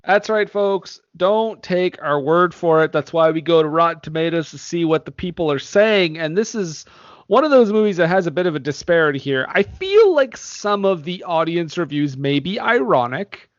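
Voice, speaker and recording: A man's voice: on the high side, lively intonation, moderate pace, dry recording, lo-fi sound. A man co-hosting a casual movie podcast, reading critics' reviews aloud and laughing often. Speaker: podcast co-host.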